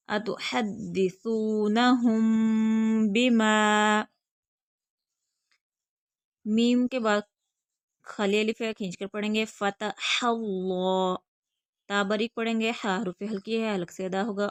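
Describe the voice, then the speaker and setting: A woman teaching an online recitation lesson, explaining pronunciation rules quickly and then stretching out each recited word slowly. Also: mid-range voice, no echo. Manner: explains pronunciation rules in quick bursts between slow, drawn-out recited words.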